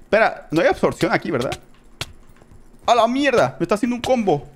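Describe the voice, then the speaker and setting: A gaming creator giving excited, profane live commentary, yelping and laughing while talking to viewers as friends. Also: mid-range voice, fairly quick, slight background noise. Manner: excitable, swears, yelps and laughs at the action.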